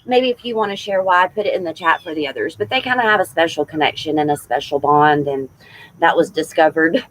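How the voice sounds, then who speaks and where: A woman's voice: deep voice, fairly quick, low-quality recording. Chatty woman in her forties. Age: 40s. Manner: chatty and affectionate, addresses viewers as y'all. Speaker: tarot reader and livestream host. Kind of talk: casual livestream chat.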